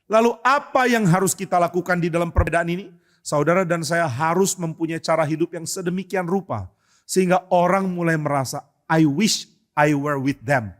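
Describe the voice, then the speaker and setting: Guy pastor preaching in church, kinda high voice, punchy rhetorical questions. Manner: emphatic preaching with rhetorical questions and acted quotes. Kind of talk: sermon.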